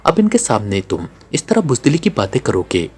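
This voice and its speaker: A man voicing a harsh, commanding female villain leader in an audiobook, snapping out sharp orders. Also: medium pitch, huge pitch swings, normal speed, slightly rough. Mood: furious. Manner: stern, snapping.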